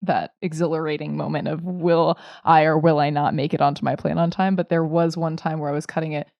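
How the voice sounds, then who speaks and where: A woman's voice: low voice, a little fast, gravelly, no room sound, lo-fi sound. A young adult woman co-hosting a podcast, telling stories in casual chat and laughing often. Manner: laughs often, animated storytelling. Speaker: podcast co-host. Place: Brooklyn, New York.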